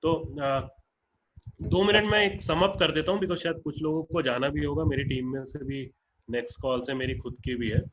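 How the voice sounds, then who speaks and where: A man's voice: on the high side, moderate pace, a little hiss or hum, poor audio. Earnest Indian man on a video call. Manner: earnest, plain-spoken, mixing in English phrases. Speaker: founder addressing partner groups. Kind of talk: online webinar talk.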